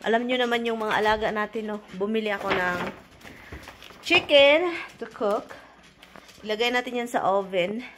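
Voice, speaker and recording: A woman's voice: fairly high pitch, moderate pace, noisy background. A woman chatting casually to her viewers in a home vlog, calling out to them often. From Philippines. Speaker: vlogger.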